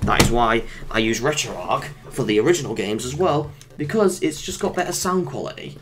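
A woman's voice: rumbling low, animated, moderate pace, background noise. A woman giving casual, rambling gameplay commentary, easily frustrated and crying out at every setback. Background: game music.

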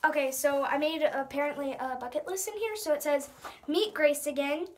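A ten-year-old girl vlogger with a high voice chats casually in a small room at home, speaking at normal speed into a device held at arm's length. Dramatic and self-mocking, she switches between reading aloud from her old diary and chatty asides. The recording has a little hiss or hum.

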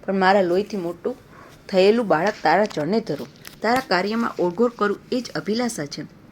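A woman's voice: medium pitch, brisk, darkish tone, a little hiss or hum, close to an everyday voice. A woman voicing a poor, devoted mother who speaks tenderly and consolingly to her son in a storybook tale. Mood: prayerful.

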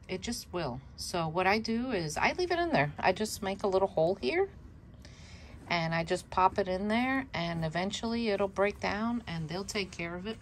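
Heavy background noise surrounds this woman's mid-range voice. She runs a worm composting channel, speaks Spanish as her first language, and chats casually at home in a show-and-tell vlog, laughing at herself and repeating her words while displaying her bin.

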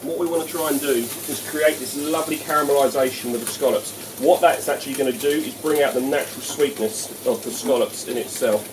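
A man, a head chef walking through a dish at his own relaxed pace, full of "um" and "okay". He's caught on a camera mic from a short distance in a big echoing restaurant kitchen. Frying pans and kitchen bustle sound loudly behind him. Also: mid-range voice, a little fast, few pauses. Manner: relaxed, explanatory, frequent "um" and "okay". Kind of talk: cooking demonstration. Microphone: camera mic from a few feet away. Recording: echoey kitchen, distant mic, loud kitchen noise. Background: sizzling pans and kitchen clatter.

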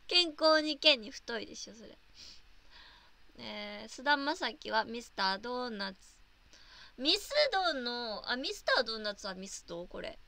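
A woman's voice: a little high, creaky, bright, forceful tone. A young woman from Japan chatting casually on a livestream, reading viewer comments and giggling often.

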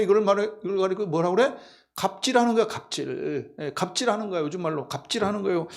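A male pastor giving an early-morning sermon in a conversational style, often checking in with the congregation and acting out the boasts of the people he describes. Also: high voice. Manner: conversational preaching, quizzing the congregation with repeated "예?"; acts out the boasting of the wicked in lively voices.

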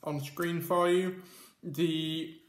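A man's voice: fairly high pitch, level tone, drawn-out words, reverberant. A man hosting a casual mukbang vlog, chatting and rambling with many ums as he eats at a table. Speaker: YouTube host. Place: indoor room at a table. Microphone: camera mic with face cam and top camera.

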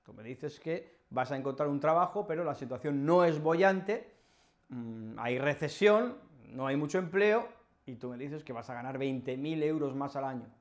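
A man's voice: mid-range voice, moderate pace. A man with a Spanish accent from Spain teaching Spanish phrases in a playful, emphatic video lesson, repeating phrases for effect.

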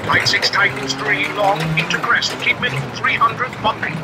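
Casting: brisk male video game rally co-driver, high voice, rapid clipped pace notes, heard through loud car noise. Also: lively intonation. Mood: brisk, focused. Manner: clipped, terse directions. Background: rally car engine and driving noise.

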